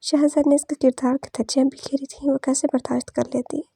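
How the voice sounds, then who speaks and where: Woman reading a novel audiobook, high but dark gravelly voice, kinda monotone. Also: a little fast, no echo, studio quality. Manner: steady storytelling. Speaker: audiobook narrator. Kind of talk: scripted novel narration.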